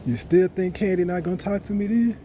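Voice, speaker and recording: A man's voice: sits high, a little fast, dark tone, slight background noise. A man, rambling and boasting in a casual monologue that repeats itself. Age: 30s. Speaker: vlogger.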